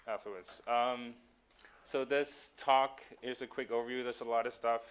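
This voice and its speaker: A man's voice: on the low side, fairly bright tone, clean tone. A man from Denmark, giving a conference talk with frequent ums and self-corrections. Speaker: conference speaker.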